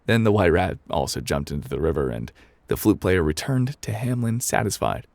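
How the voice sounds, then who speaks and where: In a sing-song, darkish voice full of gravelly fry, a man plays a gruff game character reading a bedtime story, heavily acted and expressive. He shifts from offhand, unhurried lines to dramatic pauses, recorded close and dry as ASMR.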